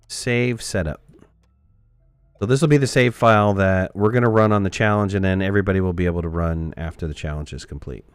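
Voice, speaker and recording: A man's voice: fairly low pitch, clean tone, no room sound. A man chatting casually with his viewers while he streams a game, joking around and answering chat.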